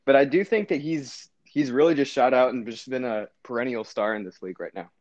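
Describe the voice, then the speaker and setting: On a lo-fi recording, a sports podcast co-host with a mid-range voice talks fairly quickly about his team's season. He's animated and rambling, frequently correcting himself in this casual show.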